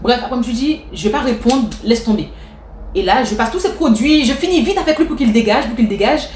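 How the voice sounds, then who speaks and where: A woman's voice: fairly high pitch, brisk. A woman vlogger telling a personal story in a casual way, with many restarts. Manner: lively retelling with restarts and acted quotes. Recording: echoey room, faint noise.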